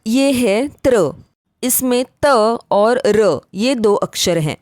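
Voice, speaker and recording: A woman teaching pronunciation, reciting syllables one by one in a slow, deliberate drill. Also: fairly high pitch, lively intonation, a little mellow, no room sound, studio quality. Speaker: language teacher. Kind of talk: pronunciation lesson.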